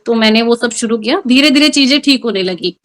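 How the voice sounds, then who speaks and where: A woman's voice: a little high, brisk, fairly bright tone. A middle-aged woman earnestly recounting personal experiences in an interview, mixing English words into her speech. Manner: emotional, earnest storytelling with Hindi-English mixing. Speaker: guest.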